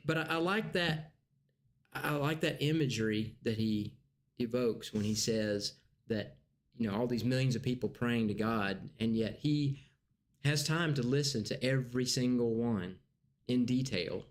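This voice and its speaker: Man teaching a church class, chatty and halting, mid-pitched. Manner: conversational, halting, many restarts. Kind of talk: casual teaching.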